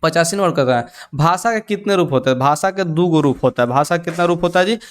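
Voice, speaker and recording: A man's voice: a little high, fast talker. Man teaching with call-and-response questions. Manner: chatty, joking asides in local dialect. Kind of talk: exam prep lesson.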